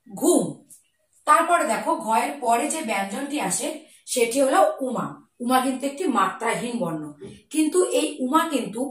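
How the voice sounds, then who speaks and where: A woman's voice: a little high, distant mic. Echoey woman teacher spelling words. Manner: spells words out slowly, explains each to children. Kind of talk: children's Bengali spelling lesson. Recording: echoey room, voice off-mic.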